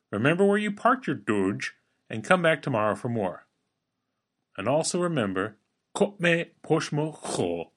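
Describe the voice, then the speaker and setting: A man hosting a daily language-lesson podcast, teaching in a playful, wry way and slowing down to model sounds for the listener. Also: mid-range voice, a bit bright. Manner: slows down to spell out and model pronunciation.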